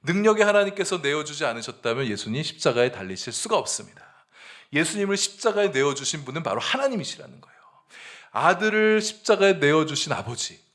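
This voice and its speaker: A man's voice: a little high, very animated, fast talker, fairly bright tone. A male pastor giving a Sunday morning sermon, earnest and explanatory, sometimes voicing the people in his stories. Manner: earnest preaching, acts out quoted voices with rising emphasis.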